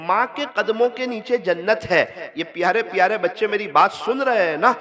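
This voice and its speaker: A man's voice: high voice, expressive, normal speed, bright, forceful tone. A man from Gujarat preaching a sermon at a gathering, telling stories with feeling and repeating lines for effect. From Gujarat, India. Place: large hall with an audience. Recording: reverberant hall with crowd noise. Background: crowd noise.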